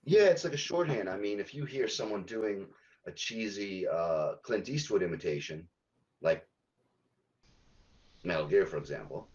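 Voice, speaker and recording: A man, a game localization director, answering podcast interview questions haltingly, with many ums and restarts. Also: sits low, expressive, a little mellow, lo-fi sound.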